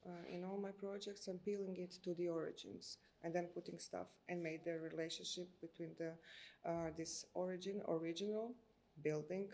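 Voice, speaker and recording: A woman's voice: fairly low pitch, fairly even intonation, moderate pace, a little mellow. Croatian-accented woman, hesitant and thoughtful. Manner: hesitant, many filler sounds, searching for words. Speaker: architect. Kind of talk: interview answers.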